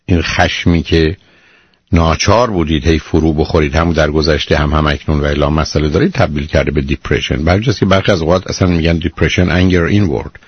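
A man's voice: very deep voice, fairly even intonation, breathy edge, no room sound. A man hosting a call-in advice show, counseling a caller in a blunt, lecturing way and calling her "dear", heard as a muffled radio broadcast.

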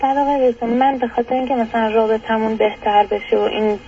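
A woman with a fairly high voice calls in to a radio advice show. She speaks hesitantly, filling her sentences with pauses and fillers. Her voice comes through a distant, muffled phone line with faint hiss. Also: level tone. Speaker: caller. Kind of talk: call-in conversation.

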